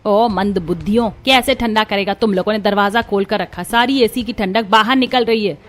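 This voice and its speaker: A woman voicing a stingy, bossy middle-aged mother-in-law in a cartoon, sharp-tongued and scolding. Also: mid-range voice, moderate pace, a little hiss or hum, lightly acted. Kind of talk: cartoon voice acting.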